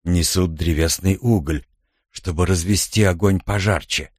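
Male reader voicing a tight-lipped young mother, clipped and quiet. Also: a little slow, no echo, clean studio sound. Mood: curt. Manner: curt, low and hushed. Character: grim, terse young mother, woman.

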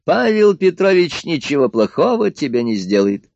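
A man doing a creaky grumpy old doctor. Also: fairly high pitch, big pitch swings, moderate pace, darkish tone, no echo, pitched above the performer's own voice. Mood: grumbling, peevish. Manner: grumbling, peevish, bossy. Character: grumpy old doctor with a grey beard, male. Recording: dull dry lo-fi studio recording.

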